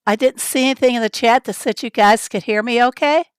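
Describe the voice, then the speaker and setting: Hoarse and raspy from a summer cold, this woman hosts a casual livestream, rambling and chatting as she welcomes people from the chat. Her pitch is a little high, her pace brisk, and the recording dry.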